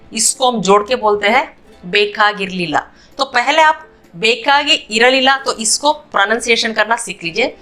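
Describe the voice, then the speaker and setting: A woman's voice: high-pitched, bright, forceful tone. A woman with an Indian accent teaching a beginners' language lesson, patiently repeating each phrase and drilling word pairs. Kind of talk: slow, repetitive spoken lesson.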